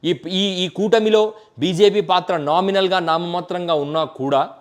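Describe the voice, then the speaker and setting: A man's voice: sits high, moderate pace. A man giving an impassioned political commentary, stacking repeated phrases and mixing in English words. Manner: mixes English words into speech.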